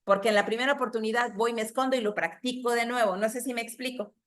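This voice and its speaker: A woman with a Mexican Spanish accent teaching a Bible class, lively and preacher-like, asking the class rhetorical questions. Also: a little high, fast talker. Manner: animated preaching with rhetorical questions and acted-out quotes.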